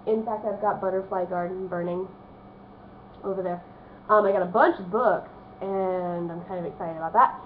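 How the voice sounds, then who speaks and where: A young woman with a slightly hoarse voice from a cold, chatting casually at her desk at home in a rambling vlog, with lots of ums. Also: lowish voice, steady tone, normal speed. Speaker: vlogger. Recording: phone-like narrow band, faint hiss.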